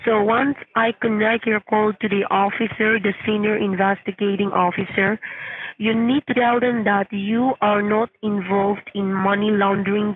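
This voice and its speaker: A person with a formal, repetitive, insistent call-center delivery, speaking as if from a script over the phone. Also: mid-range voice. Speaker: phone scammer posing as junior investigator. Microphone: telephone call. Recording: narrow, lo-fi phone line.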